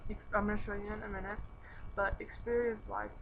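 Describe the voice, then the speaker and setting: A woman's voice: mid-range voice, flat delivery, fast, gravelly. A young woman chatting casually and candidly to camera, her speech slightly impeded by a dental retainer. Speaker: vlogger. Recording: noisy, dull narrow-band home recording.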